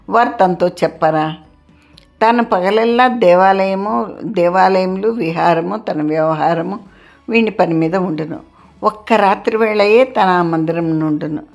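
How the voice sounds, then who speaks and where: A woman narrates a classic novel with a fairly low voice. Her delivery is steady and formal, keeping the old literary phrasing even. Soft music plays faintly underneath. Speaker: audiobook narrator. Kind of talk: reading a classic novel aloud.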